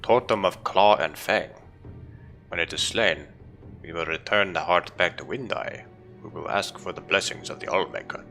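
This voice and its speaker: A man reading as a stern barbarian hunt leader, deep gravelly voice. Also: moderate pace, bright, forceful tone, heavily acted. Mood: solemn. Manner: commanding, solemn read-aloud delivery. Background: game music.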